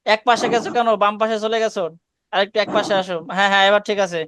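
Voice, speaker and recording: High-voiced, brisk male Quran teacher. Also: fairly even intonation, fairly bright tone, smooth. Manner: coaching and correcting, repeating short commands. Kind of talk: online class instruction. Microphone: video call.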